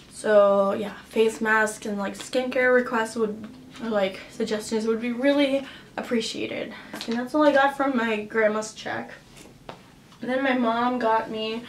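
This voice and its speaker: Sucking on a cough drop, a young vlogger rambles happily about her presents in a casual haul chat at home, using many "like" and "um" fillers. Her voice is kinda high, the room is reverberant, and a faint hiss sits behind her.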